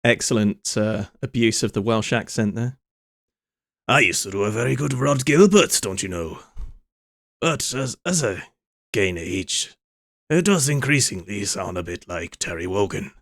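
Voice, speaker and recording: A man's voice: fairly low pitch, expressive, moderate pace, a bit bright, no room sound, studio quality. A man streaming live, rambling through joking asides as he watches a clip. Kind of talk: casual live-stream commentary.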